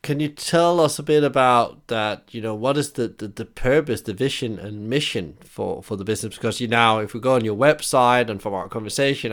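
A Danish man with a fairly low voice hosts a business interview. He asks long, winding questions, often restarting and circling back with fillers. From Denmark. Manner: hesitant, many restarts and fillers.

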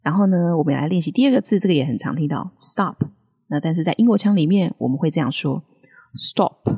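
A woman co-hosting a casual podcast lesson, modelling English words slowly between frequent laughs. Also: deep voice, dark tone, slightly rough. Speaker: podcast co-host teaching English accents. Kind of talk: casual language-lesson chat.

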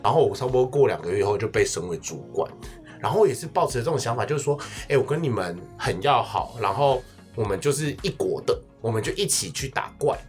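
A man's voice: medium pitch, animated, fast talker, faint music behind. A man, co-hosting a casual podcast and venting animatedly about work, acting out office quarrels. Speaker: podcast co-host.

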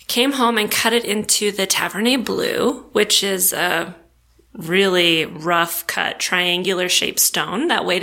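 A woman co-hosting a podcast in casual chat, her voice hoarse, telling stories with a laugh. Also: mid-range voice, bright, forceful tone. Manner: laughing, chatty storytelling. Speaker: podcast co-host. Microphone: studio mic with pop filter.

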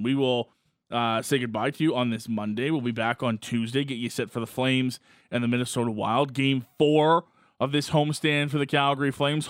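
A man's voice: mid-range voice, clear, resonant tone, no echo, clean studio sound. A man hosting a sports radio show.

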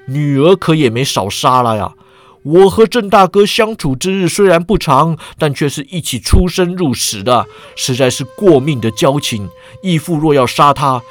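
A man's voice: on the high side, fairly bright tone. A man voicing a loyal, stubborn young swordswoman who pleads earnestly and firmly.

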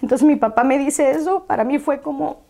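A woman telling a personal story in conversation, halting and emotional, often repeating words. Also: high voice, warm tone. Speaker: guest.

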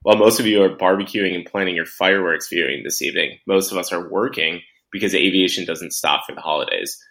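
A man, an airline pilot co-hosting a podcast, chatting and telling stories over a degraded, low-quality remote audio stream. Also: quick pace, a bit bright. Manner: chatty storyteller, laughs easily. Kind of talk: casual podcast chat.

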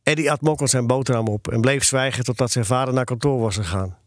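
A man narrating a children's story in a calm, even reading voice. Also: mid-range voice, fast talker, no room sound, clean studio sound. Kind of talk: audiobook storytelling.

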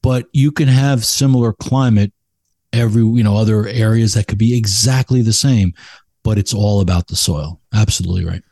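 A cigar blender appears as an expert guest in a casual podcast chat, emphatic and opinionated about his craft. His lowish, warm voice moves at a normal speed in a studio-quality recording with no echo.

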